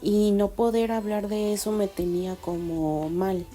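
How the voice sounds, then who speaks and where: Casting note: a woman, mellow, warm voice, confiding vlog storytelling, faint music underneath. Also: medium pitch, flat delivery, a little slow. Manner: confiding, rambling with many fillers and restarts. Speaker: vlogger. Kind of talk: casual personal storytelling.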